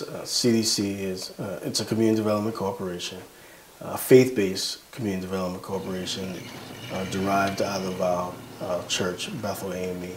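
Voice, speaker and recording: A man's voice: low voice, slight background noise, rough recording. A man who leads a community development group, speaking earnestly and emphatically in an interview, with some fillers.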